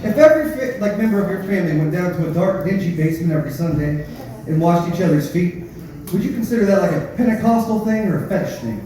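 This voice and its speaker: A man performing live stand-up comedy, telling crude, profane, dark-humored stories in a conversational way straight to the crowd. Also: sits high, lively intonation, fast talker. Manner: conversational storytelling, addresses the crowd directly. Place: live comedy show with audience, echoey room. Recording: echoey room, distant mic, audience noise.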